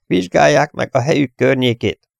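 A man's voice: mid-range voice, gravelly, dry recording, studio quality, pitched above the performer's own voice. A man voicing a stern male bomber captain who barks clipped orders over the intercom.

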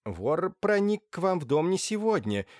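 A dry, experienced police inspector, as a man reads him aloud, giving reports in short, businesslike phrases. The voice sits higher than the reader's own. The recording is dry and close. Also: big pitch swings, moderate pace, a little mellow, no echo. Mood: matter-of-fact. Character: experienced, dryly composed male police inspector.

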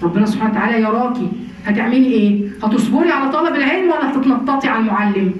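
Egyptian lady teaching scripture fast, keeps quizzing the class, mic far off. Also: fairly high pitch, highs cut off. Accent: Egyptian Arabic. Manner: rhetorical questions to the class. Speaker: Quran commentary teacher. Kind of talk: religious lesson to women. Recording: echoey room, distant mic.

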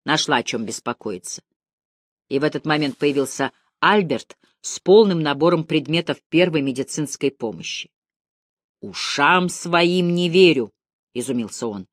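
A woman narrating an audiobook in a measured, even storytelling manner. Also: deep voice, dry recording, clean studio sound. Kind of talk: audiobook reading.

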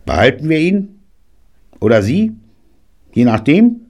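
A man's voice: deep voice, animated, normal speed, a little mellow, exaggerated voice. A man reading an audiobook and voicing a cantankerous, scornful 99-year-old grandfather. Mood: brisk. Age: older. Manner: gruff, scornful, blustering.

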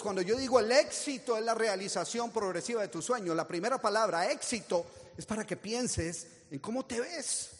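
Casting: energetic male motivational speaker, high voice, lively anecdotes, long echo of a hall. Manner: animated storytelling with acted-out quotes. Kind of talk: motivational talk.

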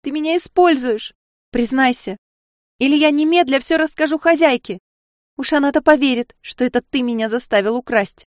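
A high, breathless young maid of sixteen, naive and dreamy, who slips easily into tears, as a woman reader puts her on. Her pleading chatter lifts well above the narrator's own voice, recorded dry and close. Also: animated, moderate pace, dark tone, no room sound, natural voice. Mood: tearful distressed.

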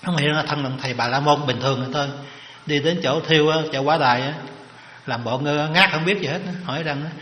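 A man's voice: fairly high pitch, quick pace. A man, a monk telling a story in a sermon with folksy asides. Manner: folksy, lively retelling with jokes and asides. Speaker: monk giving a dharma talk. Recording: echoey reverberant hall.

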